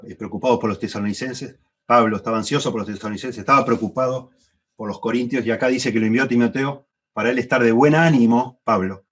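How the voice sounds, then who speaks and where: A man's voice: fairly bright tone, breathy edge. A middle-aged man with a Rioplatense Spanish accent teaching a Bible class at church, thoughtful and repeating phrases for emphasis. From Argentina. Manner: thoughtful, repeats phrases for emphasis, rises in pitch when stressing points.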